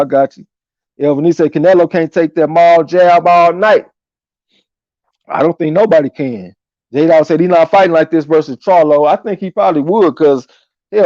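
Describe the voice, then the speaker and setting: Casual male boxing stream host: relaxed tone, slangy and profane, reads chat aloud, dull lo-fi sound. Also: a little high, no room sound. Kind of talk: casual live chat commentary, reading viewer comments aloud. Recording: dull lo-fi audio.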